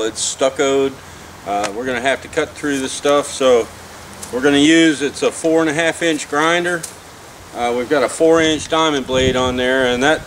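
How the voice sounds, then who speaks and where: A man's voice: medium pitch, rough recording. Easygoing man on an outdoor job. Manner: relaxed, plain-spoken, with many fillers. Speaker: beekeeper doing a bee removal. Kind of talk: casual on-site explanation. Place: outdoors beside a house wall. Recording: outdoor noise in the background.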